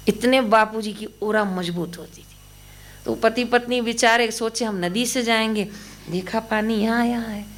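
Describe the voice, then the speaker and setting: A woman tells devotional stories in a spiritual talk. Her voice sits in a middle pitch for a woman. She narrates anecdotes and slips into the dialogue of the people in them. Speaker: devotional storyteller.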